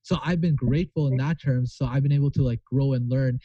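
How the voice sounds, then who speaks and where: A young Pakistani man speaks as a guest in a casual interview, earnest and rambling, restarting often. His medium-pitched voice is brisk with fairly even intonation. The recording is dry but muffled and lo-fi.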